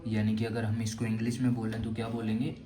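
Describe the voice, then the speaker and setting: Talking fast in a monotone, this young man has a fairly low, dark voice. In his online vocabulary lesson for exams, he explains mnemonics, answers his own questions, and fills the gaps between points with "theek hai."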